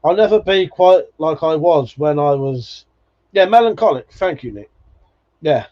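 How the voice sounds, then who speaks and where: Unhurried and expressive, this fairly high, slightly mellow voice belongs to a man in his forties hosting a live stream. He's casual and nostalgic, laughing often and swearing without restraint as he goes through viewer comments, all in muffled lo-fi stream audio.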